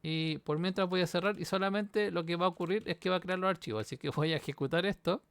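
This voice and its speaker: A man's voice: sits high, fast, fairly bright tone, clear, resonant tone, no echo. A university instructor, walking through a programming exam solution on screen and checking in with the class as he goes. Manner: explains step by step, checks in with "¿sí?". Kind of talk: screen-recorded coding walkthrough.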